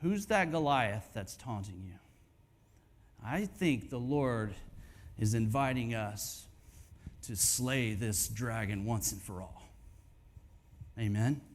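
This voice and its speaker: A man preaching a sermon at a men's conference in a church hall, emphatic and swinging from hushed to near-shouting. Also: lowish voice, expressive, takes it slowly, long pauses.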